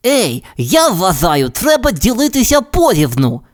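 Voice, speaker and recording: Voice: medium pitch, wildly swooping pitch, measured pace, pitched above the performer's own voice. A storyteller voicing a clever little male canary with a burred, lisping way of talking. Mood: explaining. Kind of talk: storybook character voice.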